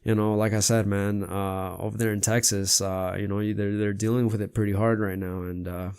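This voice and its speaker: A man's voice: lowish voice, level tone, moderate pace, a little mellow, smooth, no room sound, clean studio sound. A man hosting a podcast, talking in a casual, rambling monologue full of "man" and "you know what I mean.". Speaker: podcast host.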